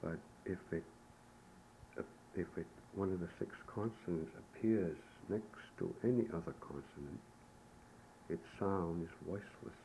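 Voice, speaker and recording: A man teaching pronunciation on an old tape recording, speaking in a slow, measured way and repeating words for the listener to echo. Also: low-pitched, dark tone, slight background noise. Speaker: language teacher.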